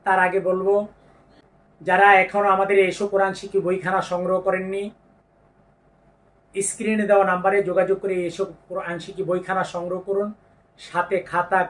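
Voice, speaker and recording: A man teaching Quran pronunciation, patiently explaining each letter and drawing out the sounds slowly. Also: sits high, recorded from a distance. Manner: slow drawn-out demonstrations of letter sounds, patient instructions. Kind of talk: step-by-step pronunciation lesson.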